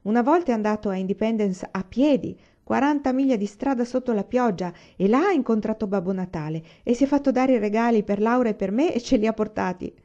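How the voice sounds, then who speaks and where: Woman reading as a gentle teen girl, soft, earnest, grateful, mellow. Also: a little high, fairly quick, hardly any pauses, muffled recording, voice pushed up, natural voice.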